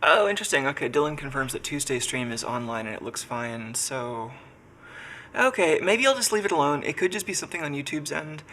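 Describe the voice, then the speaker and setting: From his home workshop, a congested, sick man livestreams a casual chat, thinking aloud full of fillers. His medium-pitched voice sounds pushed and bright, with a little hiss or hum in the recording.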